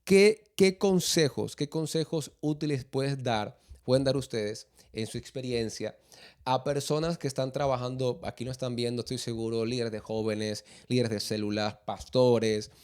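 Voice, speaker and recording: A man hosting a casual chat, relaxed and hesitant, with many filler sounds as he asks his guests questions. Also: mid-range voice, normal speed, smooth. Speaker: host.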